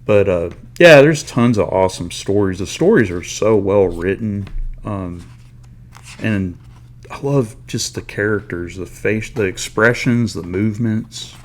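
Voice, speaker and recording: A man with a fairly low voice hosts a relaxed comic book talk. He retells a story loosely, leaning on "like" and slang, with the odd curse word thrown in. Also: a little slow. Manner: rambling retelling full of "like" and paraphrased lines; swearing, laid-back slang. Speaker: comic book reviewer host. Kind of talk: casual chat.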